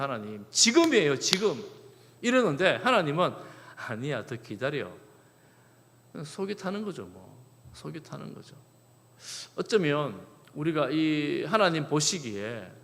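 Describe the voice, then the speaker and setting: A middle-aged man preaching to his congregation, his fairly high voice swinging up and down with lively expression. He acts out the quoted prayers in shifting tones, and the sound carries a long church reverb. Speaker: pastor. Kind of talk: sermon. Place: church sanctuary.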